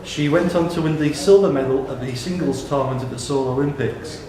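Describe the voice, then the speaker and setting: A man with a fairly high voice serves as quizmaster and host in a spacious pub during a quiz tournament, briskly reading scripted questions in a question-and-answer style. The room echoes, and crowd chatter fills the background.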